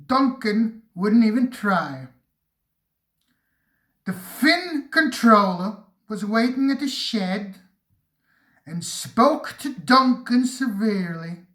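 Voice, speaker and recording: Storybook narrator, slow reading, lively pitch, roomy echo.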